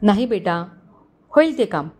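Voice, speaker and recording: A woman voicing a kindly older man, a father, in a Marathi audio story, talking in a warm, reassuring way. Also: medium pitch, big pitch swings, a little slow.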